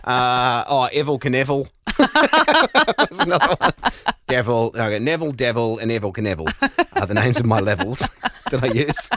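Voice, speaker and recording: A man's voice: medium pitch, very animated, moderate pace, fairly bright tone, no room sound, studio quality. A man co-hosting a podcast, telling jokey stories in a casual chat and laughing at them. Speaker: podcast co-host.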